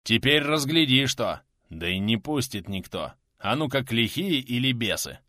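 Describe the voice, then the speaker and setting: A man voicing a gruff bearded male warrior who talks loudly and slowly, scolding and fussing over his friend. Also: medium pitch, sing-song, dry recording, studio quality.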